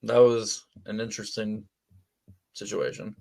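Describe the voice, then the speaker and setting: A man's voice: on the low side, fairly even intonation, unhurried, gravelly, dark tone. Man chiming in with casual replies. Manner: brief agreeing replies. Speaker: podcast co-host. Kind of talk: casual chat.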